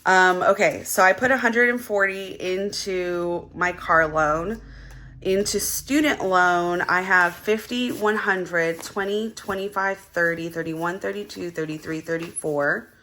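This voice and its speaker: This budgeting vlogger is a young woman whose slightly low, bright, forward voice carries a just-woke-up gravel and hoarseness. Counting her money aloud, she chats and rambles with many fillers. She talks a little slowly, and there's faint hiss or hum in the audio.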